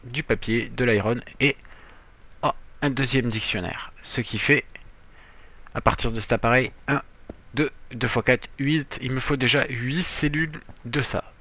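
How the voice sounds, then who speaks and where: A man's voice: mid-range voice, fairly even intonation, measured pace, bright, forceful tone. A man giving casual, playful gameplay commentary as a let's player, chatty, with jokey asides while he explains what he is doing.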